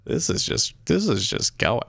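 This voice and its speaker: A man's voice: medium pitch, very animated, unhurried, creaky, fairly bright tone, no room sound, studio quality. A man with a blocked, congested nose after nose surgery, sounding sick as he chats casually while hosting a livestream. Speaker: day trading livestream host.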